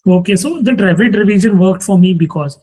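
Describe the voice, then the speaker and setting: A man's voice: high-pitched, brisk, darkish tone, breathy edge. A man hosting an interview, delivering prompts and scripted remarks. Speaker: interview show host.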